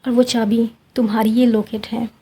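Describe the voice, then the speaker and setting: A woman's voice: on the high side, little pitch movement, normal speed, warm tone. A woman voicing a scheming young man who mocks a girl to get a magic locket. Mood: taunting. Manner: mocking, smooth-talking.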